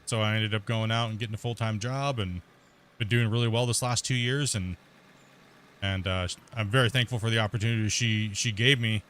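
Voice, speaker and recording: A man's voice: fairly low pitch, steady tone, a little fast, fairly bright tone, slight background noise. Chatty man talking while gaming. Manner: rambling and chatty, many fillers and restarts. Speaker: gaming channel host. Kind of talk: casual chat while playing a mining game.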